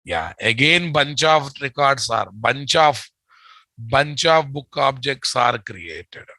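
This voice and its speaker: Man, Telugu Indian accent, informal programming teacher, repetitive lecture delivery, sharp bright tone, dry sound. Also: mid-range voice, animated, slow pace, no room sound. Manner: informal, repetitive, addressing students as guys and boss. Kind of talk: live lecture with repeated phrases.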